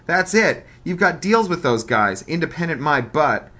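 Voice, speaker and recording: A man voicing a hostile, dim-witted schoolboy bully who taunts and shouts. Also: medium pitch, steady tone, moderate pace, natural voice. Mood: taunting.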